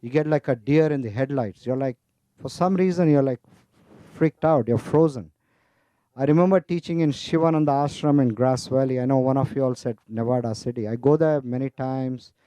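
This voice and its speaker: A man's voice: medium pitch, normal speed, warm tone, no room sound. A man teaching spirituality in a casual festival talk, telling humorous stories, weaving in Sanskrit terms and asking "right?" often. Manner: chatty, frequent "you know" and "right?".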